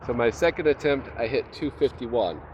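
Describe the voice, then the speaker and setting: A man with a slightly congested, head-cold voice talks in a casual, halting, self-deprecating vlog monologue, matter-of-fact throughout. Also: mid-range voice, animated, dull audio. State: has a cold with nasal congestion. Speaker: vlogger, trail runner. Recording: loud wind and outdoor noise on mic.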